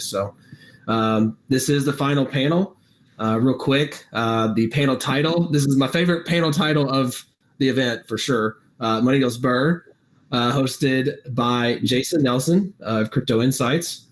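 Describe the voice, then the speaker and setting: A male event host with an ordinary mid-range voice introduces a panel in an easygoing way. He pads his sentences with "um"s and "uh"s and keeps the tone loose and casual. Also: medium pitch. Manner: easygoing, filler-heavy.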